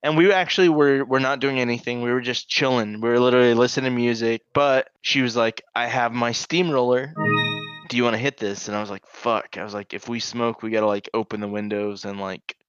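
A young man telling a story in casual chat, animated and profane, laughing often. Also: medium pitch, brisk, smooth, dry recording, highs cut off, soft background music.

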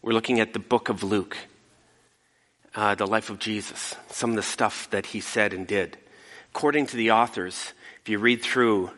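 A male pastor giving a casual sermon, retelling a story in an animated way. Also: on the low side, in a large hall. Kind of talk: conversational sermon.

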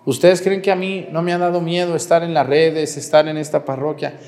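Man, mexican spanish accent, parish priest, chatty sermon, slightly high voice, long church reverb. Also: flat delivery, brisk, a little mellow. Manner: conversational preaching with questions to the congregation.

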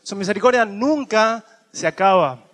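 High-voiced man preaching with animated swings. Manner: animated, acts out the thieves in slangy voices; reads scripture slowly and dropping low. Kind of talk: sermon.

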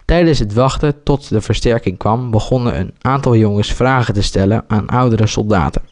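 A man reading a homemade war story aloud, halting with slips and restarts. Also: on the low side, darkish tone.

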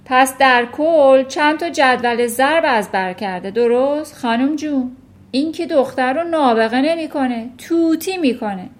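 A woman reading a children's audiobook, voicing a bullying, towering headmistress who shouts and sneers. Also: sits high, voice pushed up, natural voice. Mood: scornful bellowing. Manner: shouting, scornful, bellowing.

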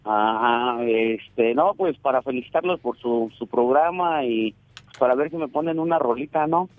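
A man with a Mexican accent calling in to a radio show over a landline phone, talking in a relaxed, hesitant way and searching for his words. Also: medium pitch, normal speed, dry recording. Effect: heard over a landline phone. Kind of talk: casual chat. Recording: tinny dry phone line.

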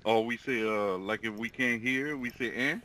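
Casting: male co-host, Louisiana Creole accent, bright forceful voice, slangy casual chat, some background noise. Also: fairly low pitch, fairly even intonation, moderate pace. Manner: slangy, informal, tells anecdotes. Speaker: co-host teaching local Creole expressions.

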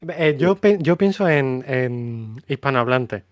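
A man's voice: medium pitch, animated, takes it slowly, no echo. Easygoing Melillan man, dry close sound. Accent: Melillan Spanish. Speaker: podcast co-host. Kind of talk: casual chat.

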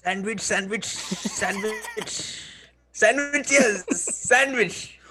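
A man voicing a confused sailor cashier in a put-on Indian accent, repeating single words haltingly. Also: high-pitched, noisy background.

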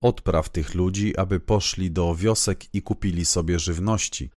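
A man reading scripture aloud in a measured, even, solemn way. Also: low-pitched, no echo, clean studio sound. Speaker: Bible reader.

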